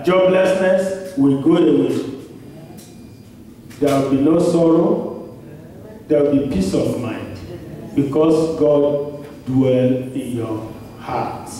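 A man in his thirties with a Nigerian accent preaches a sermon from a pulpit, holding a handheld mic in a church hall. His fairly high, mellow voice moves slowly and emphatically, with long pauses. Captured from a distance, the hall sounds echoey, and there is slight background noise.

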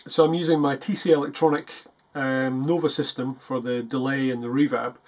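In a small foam-treated practice room, a self-deprecating guitarist in his forties chats casually and a little hesitantly to camera. His mid-range voice is fairly even and fairly quick with a darkish tone, and the sound is dull and muffled.

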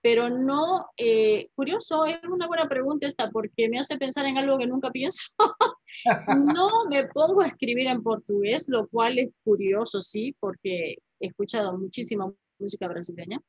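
Speaking at a moderate pace, this woman's fairly high voice is expressive with a breathy edge and no echo. A poet and writer in her fifties whose first language is Spanish, she reflects thoughtfully as a guest, ending many phrases with "¿no?". She's on a video call at home among paintings, heard through a laptop webcam mic with dull, dry sound.

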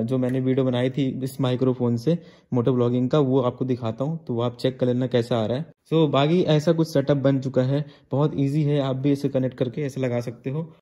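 This young man in his 20s speaks at a medium pitch with a mellow quality, reviewing a product and walking through a tutorial from his bedroom. Treating his audience as friends, the vlogger keeps it informal and addresses them as "guys" and "bhai."

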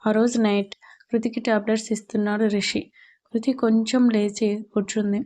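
A woman storyteller narrating an audio love story in a steady, even reading voice. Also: medium pitch, normal speed.

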